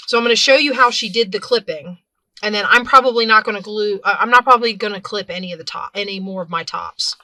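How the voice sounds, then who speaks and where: A woman's voice: medium pitch, quick pace, bright, forceful tone, no echo. A woman hosting a casual hands-on craft tutorial, chatting as she works and often correcting herself mid-sentence. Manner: chatty, talks while working, self-correcting. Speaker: craft video host.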